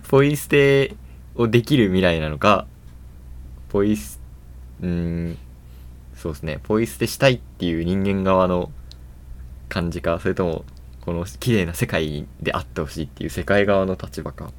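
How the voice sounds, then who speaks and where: A man in casual podcast chat who talks fast and eagerly about games and films, laughing often. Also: low-pitched. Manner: excited fast-talking gamer enthusiasm, laughs often. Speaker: podcast co-host.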